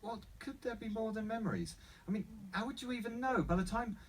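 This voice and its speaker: A man's voice: sits high, brisk, distant mic, slight background noise, natural voice. A man acting as a baffled, sceptical customer at a screenplay table read, hesitant and questioning, stammering as he goes. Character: baffled, sceptical male customer probing for the catch.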